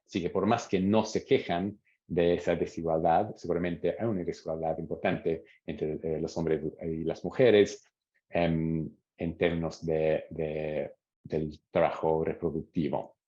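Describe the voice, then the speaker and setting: At a seminar, an academic presenter with a deep, dark-toned voice shares research, reading interview quotes in a measured manner with fairly even intonation. The audio sounds dull and lo-fi.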